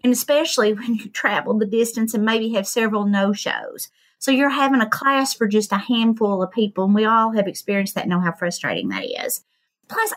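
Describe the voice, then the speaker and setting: A woman in her fifties with an Appalachian Kentucky accent, speaking as an interview guest about her work in a folksy, self-deprecating way. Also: on the high side. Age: 50s. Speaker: podcast guest, nurse and diabetes educator. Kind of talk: interview talk, telling of own work.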